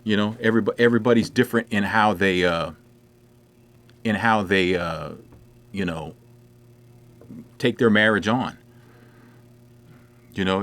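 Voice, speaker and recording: This middle-aged livestreamer has a voice on the low side with a fairly bright tone, chatting casually indoors at home. His replies to viewer comments ramble along conversationally, packed with "you know" fillers.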